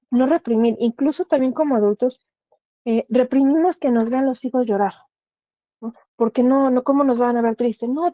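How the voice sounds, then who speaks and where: Earnest woman, high and mellow. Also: no room sound, muffled recording. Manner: earnest, advising directly, frequent rhetorical questions. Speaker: thanatologist. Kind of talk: explanatory talk.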